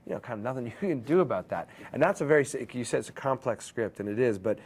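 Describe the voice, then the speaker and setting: A film producer answering interview questions in a relaxed, thoughtful, explanatory way. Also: male voice, medium pitch, fast talker.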